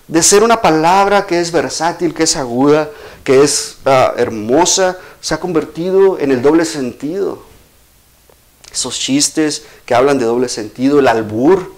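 A man preaching a sermon, his voice sitting a little higher than most men's. He speaks in an earnest, exhorting way, pushing some phrases faster and drawing others out for weight. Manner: earnest, exhorting, varies pace and emphasis.

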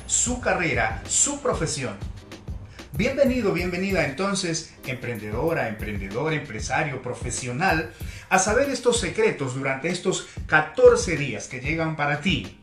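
A man's voice: on the high side, fairly bright tone. A man from Peru hosting a motivational audio course on communication, greeting listeners with emphatic lists of address. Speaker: podcast host and communication coach. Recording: roomy echo with faint music.

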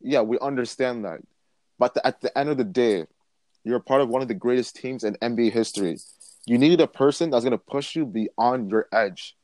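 A man's voice: medium pitch, a little fast, a little mellow, no echo. A man talks sports on a podcast, pressing his argument with rising emphasis and lists of examples. His voice sits in an ordinary middle range. The sound is dry and close to the mic. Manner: emphatic, builds points in lists. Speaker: podcast co-host. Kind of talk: casual sports podcast chat.

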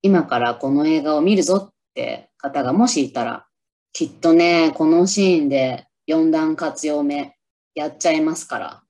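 A Japanese podcast host talks on her own about a movie she loves, cheerful and chatty, now and then testing out English lines. She speaks in a deep, mellow voice at an unhurried pace.

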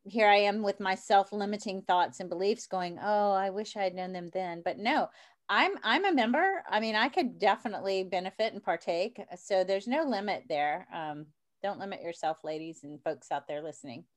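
A woman's voice: mid-range voice, normal speed. Upbeat chatty woman in her fifties. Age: 50s. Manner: chatty, laughs often, upbeat. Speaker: podcast host. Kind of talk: interview chat.

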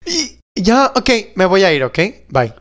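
A man's voice: high voice, huge pitch swings, unhurried, a bit bright, full character voice. A man with a Mexican accent voicing an indignant young woman harassed on the street in a comedy improv sketch, protesting in a flustered, exasperated way.

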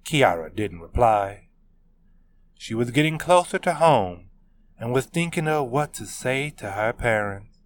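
Slow, measured male narrator. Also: medium pitch, animated, slight background noise. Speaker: author narrator. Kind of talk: scripted narration of a web novel.

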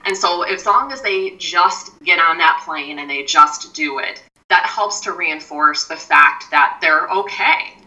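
A woman with a low voice and a sharp, bright tone, explaining things to an interviewer in a measured, step-by-step way. She often restarts her sentences. She sounds somewhat far from the mic. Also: dull audio. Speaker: mindfulness expert guest.

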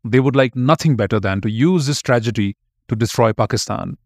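A man's voice: medium pitch, fairly quick, dry recording. Man narrating history, dry sound. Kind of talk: scripted narration.

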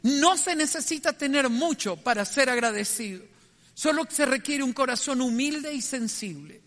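A man's voice: very high-pitched, lively intonation, normal speed, a bit bright, in a large hall. A man giving a devotional message in an earnest, reflective way, putting direct questions to his listeners. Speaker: preacher.

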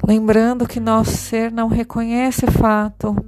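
A woman guiding a meditation in a slow, soothing, gentle way. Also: fairly high pitch, flat delivery. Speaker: meditation guide. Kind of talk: guided meditation. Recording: soft music behind.

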